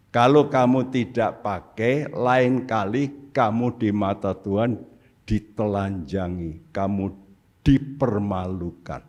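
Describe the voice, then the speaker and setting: Slow-preaching older male pastor. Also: fairly low pitch, a little mellow. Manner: preaching with rhetorical questions to the congregation. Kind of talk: sermon. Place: church service.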